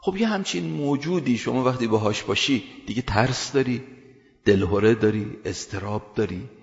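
A man with a low, gravelly voice delivers an earnest sermon and tells stories, pushing his key phrases louder as he builds. The sound carries a long hall reverb. The recording is dull and lo-fi. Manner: earnest, builds emphasis with rising loud phrases. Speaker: preacher. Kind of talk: sermon with storytelling.

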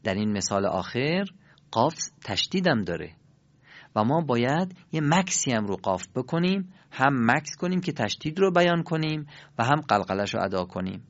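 Lo-fi man teaching recitation, lively pitch. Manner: demonstrates sounds slowly and asks the learners to repeat them. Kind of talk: recorded lesson. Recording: dull lo-fi recording.

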